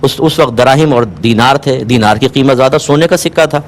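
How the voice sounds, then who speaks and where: A man answering viewers' religious questions on a call-in show, calm and explanatory, asking listeners to check they follow. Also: mid-range voice, a little hiss or hum. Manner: calm, explanatory, patient advice; asks rhetorical checks, occasionally amused.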